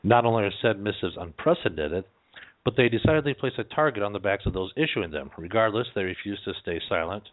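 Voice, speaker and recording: A man with a low voice reads out political commentary on a muffled, lo-fi recording. His phrasing is wordy and formal, broken by folksy asides. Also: fast talker. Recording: dull, band-limited lo-fi audio.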